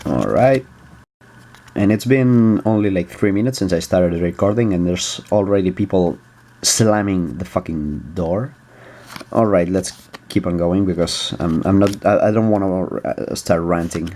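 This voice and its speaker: Low-voiced man with a Spanish accent. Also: unhurried, warm tone. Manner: rambling, hesitant with many fillers and restarts, casual swearing. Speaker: video host. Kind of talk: casual rambling vlog.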